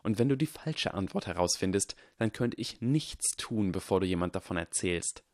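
A man reading the part of a proud, suspicious young aristocratic wizard who speaks in a hushed, clipped way. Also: sits low, animated, moderate pace, no room sound, clean studio sound. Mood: hard, wary.

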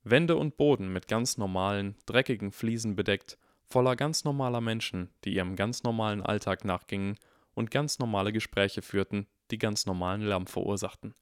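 A man narrating an audiobook in an even, measured storytelling manner. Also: on the low side, clear, resonant tone, dry recording, studio quality. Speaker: audiobook reader.

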